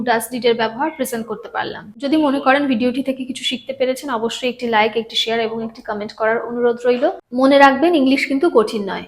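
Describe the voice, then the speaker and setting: A woman teaching English grammar, explaining in Bengali and reading out English example sentences slowly, sometimes acting out little family dialogues. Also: high-pitched. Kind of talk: grammar lesson.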